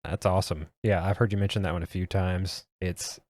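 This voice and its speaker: A man's voice: sits low, steady tone, a little fast, a little mellow, dry recording, studio quality. A man hosting a casual podcast, talking in an easygoing, hesitant way with many fillers. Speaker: podcast host. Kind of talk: casual chat.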